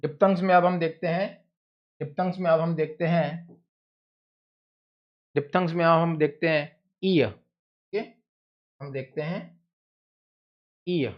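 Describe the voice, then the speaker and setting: A man's voice: a little high, steady tone, measured pace, long pauses, dull audio. A male teacher, giving a classroom lecture, who repeats words and keeps asking the class questions. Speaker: English teacher.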